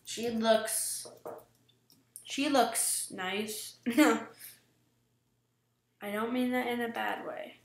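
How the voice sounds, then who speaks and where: A woman's voice: a little high, steady tone, very slow, creaky, long pauses, echoey room. A woman giving casual, giggly, self-deprecating gameplay commentary as a vlogger. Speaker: gaming vlogger.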